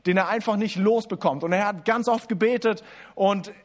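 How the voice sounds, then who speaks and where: A man preaching a sermon in German. He speaks straight to the listeners, stumbles and restarts often, and switches between quick asides and slow, stressed lines. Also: sits high. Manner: addresses listeners directly as du, with many restarts and fillers.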